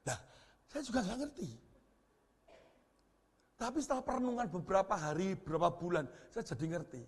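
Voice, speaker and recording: Man preaching, very high voice, long church-hall echo. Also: fairly quick, breathy edge. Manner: animated storytelling, laughing at his own jokes. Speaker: pastor. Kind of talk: sermon.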